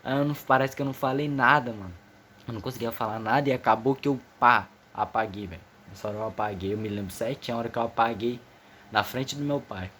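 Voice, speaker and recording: A man's voice: mid-range voice, quick pace, fairly bright tone, slight background noise. Teenage boy, slightly nervous, slangy, rambling, casual storytelling. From Amazonas, northern Brazil. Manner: slangy, rambling, many restarts. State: a bit nervous. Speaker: vlogger.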